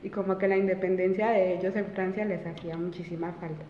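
A woman in her twenties, a guest in an interview, tells her own story casually with many fillers and restarts. She talks fast in a fairly low, steady voice. The recording is roomy, reverberant and dull, with a little hiss or hum.

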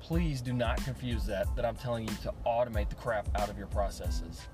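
A man's voice: lowish voice, a little fast. A man hosting a casual solo podcast while commuting, chatty and plain-spoken, recorded through a hands-free device in his car at reduced, lo-fi quality. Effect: lo-fi hands-free device audio. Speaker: podcast host. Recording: distant lo-fi car audio with loud music.

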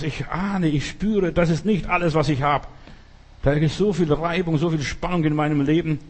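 A man's voice: on the high side, a little mellow. An older male pastor preaching a sermon, emphatic and repetitive, acting out dramatic prayers.

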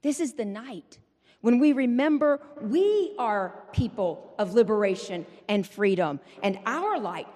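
Woman preacher at a pulpit microphone. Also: fairly high pitch. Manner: measured, rhythmic preaching with repeated refrains. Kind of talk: Easter Vigil sermon. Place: large church. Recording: long church reverb.

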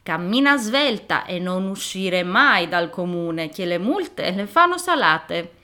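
A woman's voice: on the low side, very animated, slow pace, bright, forceful tone, exaggerated voice. Woman doing a firm, bossy mother.

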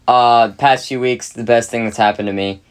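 A man's voice: medium pitch, fairly even intonation, moderate pace, smooth. A young man co-hosting a podcast, chatting in an easygoing way and often tripping over his words. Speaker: podcast co-host. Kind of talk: casual chat.

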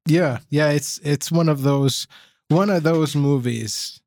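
Slow, hesitant man with a cough. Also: on the high side, a little mellow, dry recording, clean studio sound. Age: middle-aged. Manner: halting, hesitant, dryly humorous. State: has a persistent cough. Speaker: podcast co-host. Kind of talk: casual chat.

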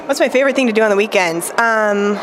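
A woman's voice: medium pitch, fast talker. A woman giving casual interview answers as a podcast guest in an echoey hall. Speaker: podcast guest, public policy assistant. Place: echoey state capitol hall. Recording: echoey hall, clear background noise.

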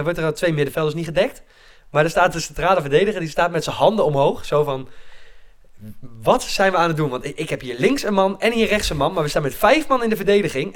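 Male panelist, lively and laughing, voice a touch high, casual football chat. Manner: animated, laughs often, rises in pitch when worked up.

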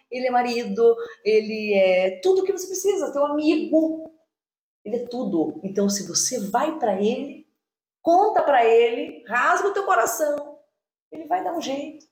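A woman with a Brazilian Portuguese accent, a podcast co-host sharing a faith testimony in an animated storytelling way and laughing often. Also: sits high, roomy sound.

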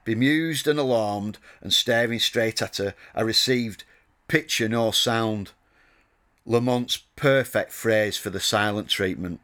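A man in his thirties narrating a wry, deadpan personal story. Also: lowish voice, slow. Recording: music playing under the voice.

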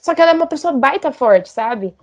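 A woman, a dancer and choreographer, telling stories in a casual podcast chat. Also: quick pace. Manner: animated storytelling, rising pitch at emotional moments.

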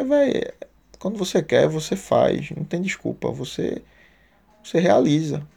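A man recounts a personal story in a casual, slangy and heartfelt way. His voice is extremely gravelly, with a dark, mellow tone throughout. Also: mid-range voice. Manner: emotional, slangy, heartfelt retelling.

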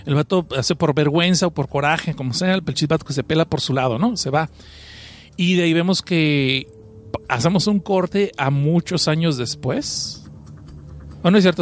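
A man with a Mexican accent retelling a story in casual, profane commentary, animated and full of slang. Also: on the high side, slight background noise. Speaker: anime and manga reviewer.

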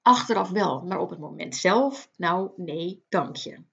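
A woman's voice: lowish voice, animated, a little slow, vocal fry, highs cut off. A woman coaching the listener in a motivational self-help talk, earnest and direct, speaking straight to them. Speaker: life coach.

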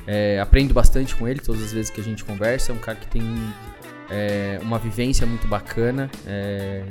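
A man hosting a casual interview podcast, asking questions in a friendly, easygoing way. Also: mid-range voice. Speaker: podcast host.

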